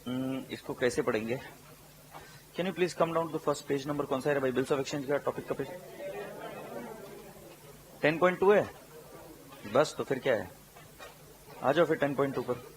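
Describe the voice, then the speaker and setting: Guy teaching a class, slow and deliberate, bit of hiss behind him, drills terms for dictation. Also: mid-range voice, rough recording. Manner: mixes Hindi and English, asks students questions; repeats terms slowly for dictation. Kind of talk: classroom lecture.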